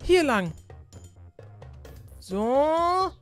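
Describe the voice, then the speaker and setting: A woman streaming a game, chatting excitedly with her co-player and the viewers and exclaiming in quick bursts. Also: high voice, faint music behind. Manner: jumpy, exclaiming, repeats words in bursts. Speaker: gaming YouTuber. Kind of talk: excited gameplay chat.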